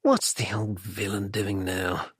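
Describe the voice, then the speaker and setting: A man voicing an exasperated young gentleman who speaks in a dry, mocking, clipped way. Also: mid-range voice, big pitch swings, unhurried, gravelly, breathy edge, no echo, exaggerated voice. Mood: muttering. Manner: sardonic, clipped.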